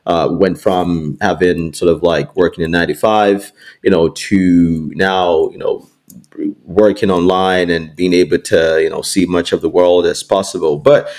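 A man's voice: deep voice, steady tone, unhurried, a little mellow. A man hosting a podcast, speaking enthusiastically and casually with lots of "you know" fillers. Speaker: podcast host. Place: remote call while traveling.

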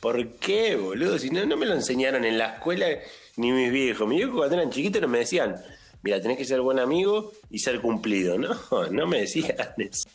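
A man's voice: medium pitch, big pitch swings, fast talker. A man with an Argentine accent in casual comic chat, slangy, swinging between mumbled asides and emphatic remarks. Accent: Argentine Rioplatense.

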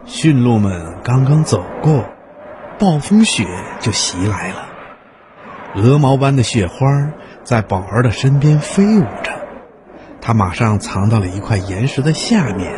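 A man narrating a children's story, telling it gently and expressively. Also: medium pitch, sing-song, a little slow, noisy background.

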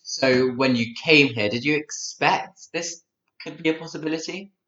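A man's voice: on the high side, moderate pace, sharp tone. A man introducing a news item and putting prepared questions as a radio interviewer. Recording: echoey, slightly dull audio.

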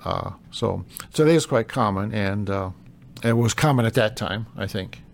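A man's voice: lowish voice, moderate pace, creaky, a little hiss or hum. A middle-aged or older man co-hosting a local news show, informal and plainspoken, reading notices and chatting with hesitant asides.

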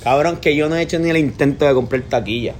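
A young Puerto Rican man with a somewhat high voice, cracking jokes on a podcast. He swears in nearly every sentence and keeps the tone playful. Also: fast talker, a little mellow, slight background noise. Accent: Puerto Rican Spanish. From Puerto Rico. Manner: joking, swears constantly. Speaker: podcast co-host. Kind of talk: casual chat.

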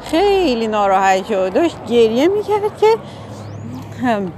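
A woman with a fairly high voice tells a children's bedtime story in a loose, informal way, correcting herself as she goes. A faint hum of traffic sits in the background. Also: very animated, darkish tone. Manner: casual, informal, with fillers and self-corrections. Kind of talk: children's story telling with English vocabulary asides.

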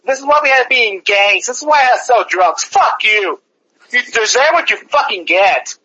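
A man calling in over the phone, ranting furiously and swearing, with bursts of shouting. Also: high-pitched, expressive, normal speed, husky. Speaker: caller. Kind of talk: angry phone rant. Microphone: phone on speaker. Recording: lo-fi phone line.

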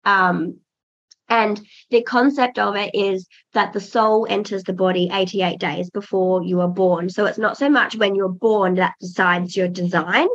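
A woman's voice: mid-range voice, steady tone, a little slow. A pregnant woman in her thirties, a podcast guest talking casually, earnest and reflective with many restarts. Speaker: podcast guest, birth doula. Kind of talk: casual interview chat. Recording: dull lo-fi audio.

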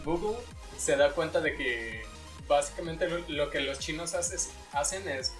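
A man speaking in a dry, explanatory way during casual podcast banter. His voice sits a little high, and music plays clearly behind him. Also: a little slow, a bit bright, roomy sound, distant mic. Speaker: podcast co-host.

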